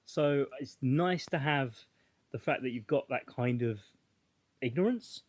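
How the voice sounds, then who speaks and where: A man's voice: mid-range voice, a little slow. A man co-hosting a podcast in casual chat, joking, swearing and laughing often. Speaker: podcast co-host.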